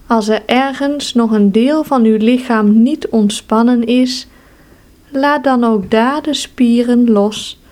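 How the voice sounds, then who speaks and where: A woman calmly leading a guided progressive muscle relaxation exercise, speaking soft, soothing instructions with long pauses. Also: fairly high pitch.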